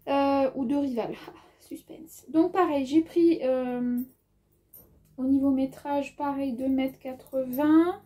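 High, mellow-voiced woman chatting through a haul. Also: steady tone, slow. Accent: has an accent of her own. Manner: chatty, thinks aloud while measuring fabric; lots of hesitations and filler words. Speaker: sewing vlogger. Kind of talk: casual haul video chat.

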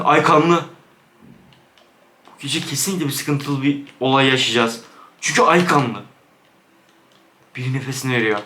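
Excitable young man narrating a spooky game. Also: fairly high pitch, roomy sound. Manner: jumpy, excitable, switches to hushed scared whispers. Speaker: gaming YouTuber. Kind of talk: Minecraft let's play commentary.

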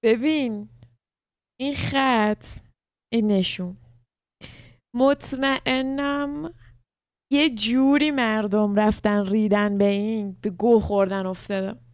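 A woman's voice: a little high, steady tone, long pauses, darkish tone, clean tone, no echo, clean studio sound. A young woman streamer reacting to a video in casual commentary, blunt and incredulous, swearing freely.

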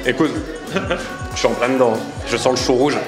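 Fast-talking man chewing as he speaks. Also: mid-range voice, steady tone, roomy sound. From Lorraine, France. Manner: colloquial, enthusiastic. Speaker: vlogger tasting food. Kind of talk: casual food-tasting chat. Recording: loud background music. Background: loud music.

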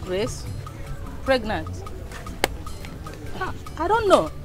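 An actress with a Nigerian accent playing a market customer who dismisses gossip. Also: female voice, a little high, huge pitch swings, loud music behind the voice, full character voice. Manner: brisk and dismissive. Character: woman shopping, brushing off gossip.

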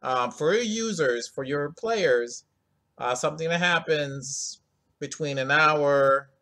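Laid-back guy walking through code slowly, lots of ums, keyboard clicks behind him. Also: medium pitch, sharp tone. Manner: laid-back, rambling, many ums and asides. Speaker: coding tutorial host. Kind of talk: screen-recorded coding tutorial.

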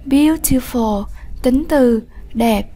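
A woman teacher giving a lesson, explaining slowly, patiently and clearly. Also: fairly high pitch, mellow, a little hiss or hum. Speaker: English teacher. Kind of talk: classroom lesson narration.

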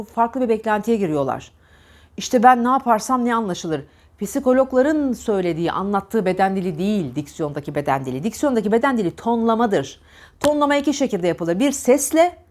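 A woman with a somewhat high voice gives a diction lesson straight to camera. She speaks earnestly and emphatically, scolding gently through repeated instructions. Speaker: diction teacher.

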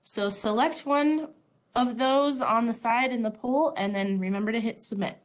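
A woman's voice: a little high, normal speed. A woman from Montana, an extension agent, co-hosting an educational webinar over a video call in an upbeat, friendly way with some filler ums. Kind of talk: webinar presenting.

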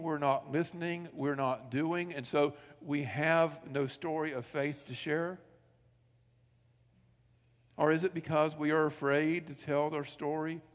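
A male pastor preaching a sermon in a church sanctuary, telling stories, asking rhetorical questions and acting out quoted dialogue. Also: a little high. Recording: long reverb of a church sanctuary.

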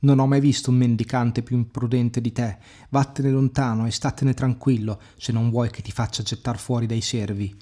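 A husky-voiced man voicing an arrogant, cruel young male suitor who shouts threats. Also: lowish voice, fairly even intonation, fairly quick, hardly any pauses. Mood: furious.

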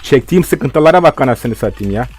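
A man's voice: medium pitch, lively intonation, a little fast, a little mellow, faint music behind. A young man giving live game commentary, ranting and swearing in frustration at his opponents. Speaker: gaming video host.

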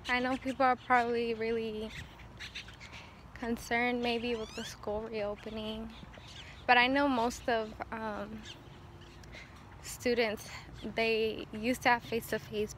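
A young woman talks casually as she walks or runs along outside. Her voice sits a little high with very little rise and fall. It is recorded on a handheld phone, with clear outdoor noise behind her. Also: level tone, slow, a bit bright. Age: young adult. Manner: talking while on the move outdoors, walking or running. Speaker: vlogger. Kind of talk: casual chat to camera. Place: outdoors in the open air. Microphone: phone on a selfie stick at arm's length.

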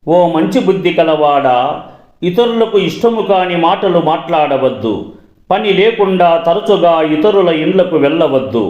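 A man reciting classical verses in a slow melodic chant, then explaining their meaning in a brisker speaking voice. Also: a little high, a little mellow, reverberant, highs cut off.

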